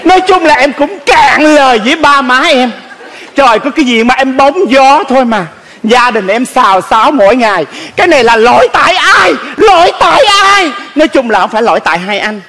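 A flamboyant grown son with a very high, fluttery voice. He whines in a fussy, theatrical way and lays the blame on everyone around him. The sketch is performed on stage. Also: lively intonation, a little fast, sharp tone, a little hiss or hum, full character voice. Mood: whiny. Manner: flamboyant, whining complaints.

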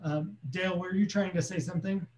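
A man's voice: sits high, fairly even intonation, fairly quick, darkish tone, a little hiss or hum. A man in his thirties chairs a community council meeting over a video call from a small room at home, explaining things plainly with many ums. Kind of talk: casual meeting talk. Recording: echoey room.

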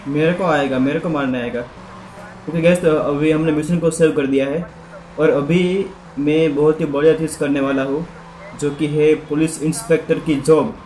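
A man giving casual, excitable gameplay commentary and chatting to his viewers. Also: on the high side, normal speed. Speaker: gaming YouTuber. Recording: echoey room with faint background noise.

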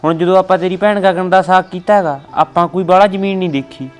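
Older rural Punjabi father played by a man, fatherly, unhurried, faint music under. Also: sits high, steady tone, natural voice. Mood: weary. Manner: slow, fatherly advising. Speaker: father of a grown son. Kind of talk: family web drama acting.

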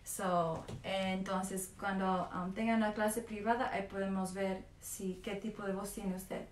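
A woman's voice: mid-range voice, steady tone, measured pace, slight background noise. A woman with a mezzo-soprano voice giving an online singing lesson, counting aloud, demonstrating vowel drills and slipping English words into her speech. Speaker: singing teacher. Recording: roomy sound, mic at a distance, loud piano. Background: piano accompaniment.

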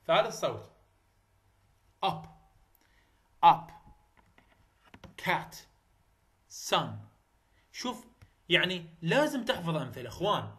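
A man's voice: on the high side, bright, forceful tone. Iraqi man teaching English sounds. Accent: Iraqi Arabic. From Iraq. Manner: repeats example words slowly, coaching directly. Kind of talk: phonetics lesson.

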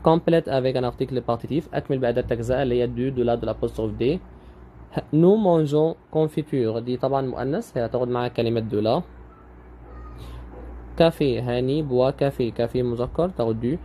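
A man with an Egyptian Arabic accent teaching French grammar online, patiently repeating each word slowly. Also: mid-range voice, warm tone, slight background noise.

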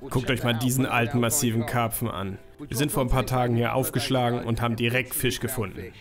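A man in his thirties at a middle pitch, talking eagerly through a fishing vlog and raving about big catches. Music plays clearly under his voice. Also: little pitch movement, brisk. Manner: enthusiastic, exclaiming over big fish. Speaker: carp fishing vlogger. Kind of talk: travel and fishing vlog narration. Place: outdoors by a lake.

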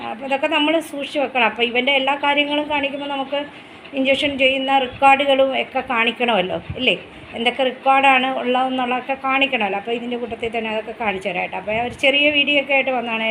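A woman's voice: high-pitched, a bit bright, a little hiss or hum, poor audio. A woman, chatting tenderly in a casual pet vlog, recorded outdoors at a house. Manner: chatty, tender, often coos to the dogs. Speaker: pet vlogger.

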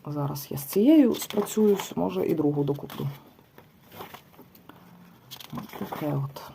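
A woman's voice: low voice, expressive, unhurried, gravelly, dark tone, slight background noise. A young adult woman casually reviewing a book, listing bird names one by one with chatty asides. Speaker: tarot and oracle vlogger. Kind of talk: casual book review, leafing through pages.

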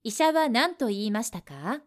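Brisk, high-voiced woman reading translations. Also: sing-song. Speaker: translation reader. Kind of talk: reading Japanese translations of lesson sentences.

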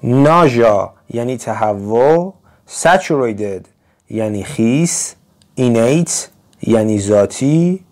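Guy teaching english, reads each line slow then translates it fast, voice not high not low. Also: animated, darkish tone. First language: Persian. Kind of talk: reading a story aloud and translating it line by line.

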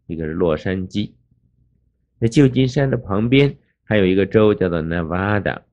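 A man's voice: low-pitched, a little mellow. An older man teaching in a patient lecture, naming places and repeating the English words with care. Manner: explains slowly, spells out English place names. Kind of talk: classroom lecture over a map. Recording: dull lo-fi recording.

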